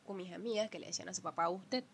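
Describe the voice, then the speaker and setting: A woman, a podcast guest chatting casually and telling animated stories about her family. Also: fairly low pitch, very fast, creaky. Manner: animated storyteller who acts out family members' voices. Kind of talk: casual conversation.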